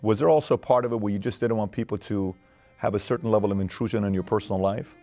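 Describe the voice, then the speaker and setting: Soft music plays behind a fast, lowish male voice: an Iranian man in his thirties hosting an interview and opening his show in a wood-panelled studio. He talks with earnest energy, peppering his speech with fillers and gesturing a lot.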